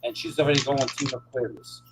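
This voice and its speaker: A man's voice: medium pitch, level tone, a little fast. A man with a Cape Cod, Massachusetts accent chatting casually in a group, often repeating phrases for emphasis. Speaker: livestream panelist. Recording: clear background hum and noise.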